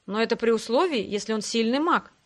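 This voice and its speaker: Audiobook narrator, woman, fairly high voice, animated and wryly amused first-person fantasy reading. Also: brisk. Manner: lively, wry storytelling.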